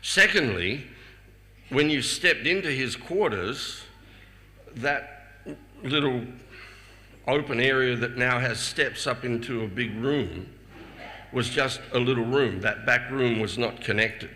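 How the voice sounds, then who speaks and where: An older man telling personal anecdotes to a festival audience, chuckling often and stumbling over repeated words when he gets excited. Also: mid-range voice, slow. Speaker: speaker sharing personal memories. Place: festival hall before a live audience. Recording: reverberant hall with faint ambient noise.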